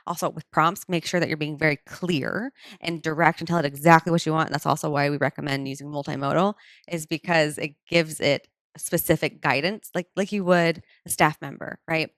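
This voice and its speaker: A woman's voice: sits low, steady tone, normal speed, no room sound, studio quality. A woman speaking on a panel to a live audience, chatty and full of fillers. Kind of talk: casual talk to a live audience.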